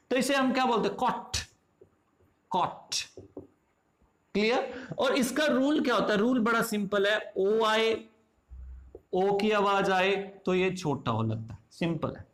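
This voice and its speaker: A man teaching English phonetics in a classroom style. He keeps asking his listeners questions, answers them himself, checks in with short asides, and says example words slowly and more than once. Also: sits high, lively intonation, a bit bright.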